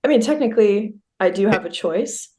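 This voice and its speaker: A woman's voice: medium pitch, lively intonation, a little fast, over a noisy crowd. A young adult American woman, a guest on a podcast, chatting casually with lots of ums and easy laughter. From United States. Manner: easygoing, laughs often, many ums. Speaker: podcast guest, Olympic sailor. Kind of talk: casual chat.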